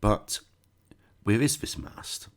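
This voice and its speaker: Talking slowly, a man who runs a gaming channel chats through a game walkthrough with sarcastic comments. A cold has left him croaky and stuffed up.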